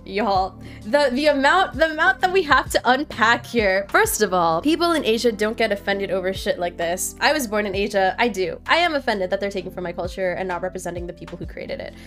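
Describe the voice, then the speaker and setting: Talking fairly quickly with few pauses, a young student from Nepal gives her viewers a casual, heartfelt opinion vlog. She leans heavily on "like," her pitch leaps animatedly, and soft background music can be heard.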